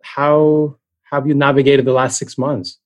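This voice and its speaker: A man's voice: mid-range voice, flat delivery, unhurried. A man working as an interviewer, asking business questions in a conversational style.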